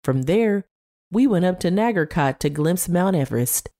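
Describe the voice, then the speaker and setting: A woman's voice: fairly low pitch, lively intonation, moderate pace, dark tone, pitched above the performer's own voice, natural voice. A woman voicing a flamboyant older man who tells travel stories in a sing-song way. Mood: reminiscing.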